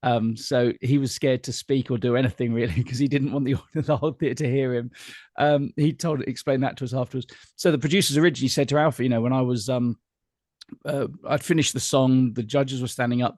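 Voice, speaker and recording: A man's voice: mid-range voice, fairly even intonation, brisk, darkish tone, no echo, clean studio sound. A middle-aged man, a guest entertainer chatting casually and telling anecdotes in an interview.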